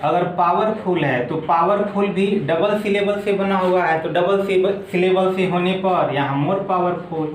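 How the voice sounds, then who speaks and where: Guy teaching english grammar step by step, kinda high voice, echoey room. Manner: slow, step-by-step explaining, repeating each word form. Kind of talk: explaining grammar in a video lesson. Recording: echoey room with faint background noise.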